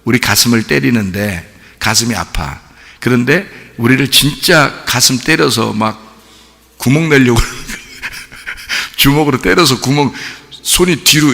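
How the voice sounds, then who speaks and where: Male pastor, gravelly and bright; chatty sermon with rhetorical questions, church reverb. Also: mid-range voice. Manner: conversational preaching, frequent rhetorical questions. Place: church sanctuary. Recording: long reverb in a church hall.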